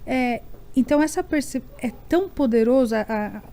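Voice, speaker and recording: A Brazilian woman talks as a podcast guest in a lively, easygoing way. Her voice sits high, and she laughs often between quick restarts. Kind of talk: casual chat.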